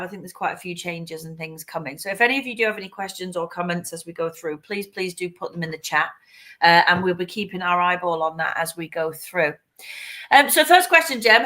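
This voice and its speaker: Bright-voiced woman co-hosting a show. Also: medium pitch. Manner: friendly, with "um" fillers. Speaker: co-host. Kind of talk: hosting a live online interview show.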